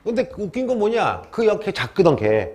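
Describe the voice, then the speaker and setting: A man's voice: high-pitched, big pitch swings, normal speed, darkish tone, a little hiss or hum. A man teaching a history class in a classroom, joking with students and asking questions he answers himself. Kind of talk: classroom lecture.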